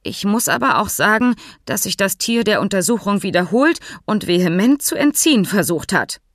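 A woman's voice: mid-range voice, very animated, normal speed, no room sound, clean studio sound, voice pushed up. A woman reading an audiobook, voicing a timid, pedantic male veterinarian who talks stiffly and formally. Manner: nervous, stiffly formal, jargon-heavy.

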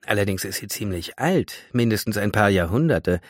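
A man's voice: fairly low pitch, expressive, moderate pace, no echo, clean studio sound. Rowan, a haughty tree nymph girl, voiced by a man. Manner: condescending, know-it-all. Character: haughty young female tree nymph agent.

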